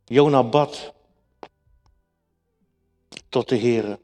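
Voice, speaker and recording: A man's voice: medium pitch, drawn-out words, mellow, soft background music. A man preaching a sermon to his congregation, emphatic and repetitive, speaking to them directly. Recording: echoey hall with long reverb.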